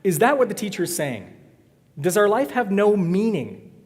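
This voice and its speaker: A man's voice: high-pitched, very animated, moderate pace, a little mellow. A man preaching a sermon to his congregation, conversational and joking, teasing the crowd between points. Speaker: pastor. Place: church sanctuary. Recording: long reverb of a church hall.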